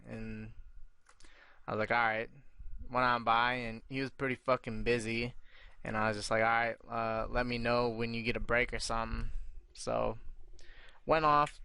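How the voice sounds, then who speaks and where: A male podcast host in casual chat, relaxed and swearing freely as he reads out listener questions. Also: mid-range voice, vocal fry, smooth, no echo.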